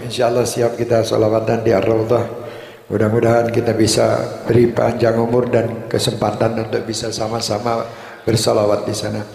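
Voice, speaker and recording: A man giving a calm religious talk, recalling past events unhurriedly. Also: mid-range voice, gravelly. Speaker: religious leader. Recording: echoey hall with long reverb.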